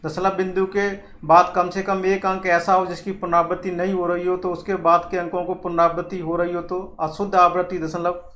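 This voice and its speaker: A man's voice: high-pitched, level tone, fairly quick, few pauses, fairly bright tone. A man teaching a lesson, with mixed in, often repeating points and asking questions he then answers himself. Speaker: maths teacher. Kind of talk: classroom maths lesson. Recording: echoey room with faint background hiss.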